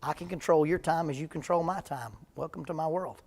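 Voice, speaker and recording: A man's voice: a little high, fairly quick, gravelly, darkish tone. A man, a preacher leading a parenting seminar in plain-spoken, humorous talk before a live church audience.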